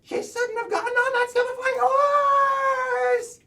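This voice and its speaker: A woman voicing an excitable, melodramatic puppet adventurer in an exaggerated, emphatic comic style. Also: very high voice, slow pace, heavily acted. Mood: indignant. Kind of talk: comic puppet-show acting. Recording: distant mic with light noise.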